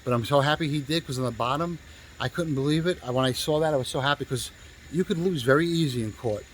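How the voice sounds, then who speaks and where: Casting: man, real estate agent, loose rambling storyteller, salty language, lots of fillers, mid-pitched voice. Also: quick pace, slight background noise, rough recording. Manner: rambling, profane, full of fillers and restarts. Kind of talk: casual storytelling.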